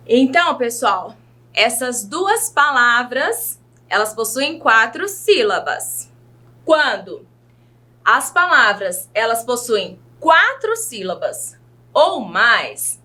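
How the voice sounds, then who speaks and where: Slow, bright-voiced woman teacher. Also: sits high. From Brazil. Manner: slow, exaggerated enunciation of words; patient, asks questions to young learners. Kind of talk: children's video lesson.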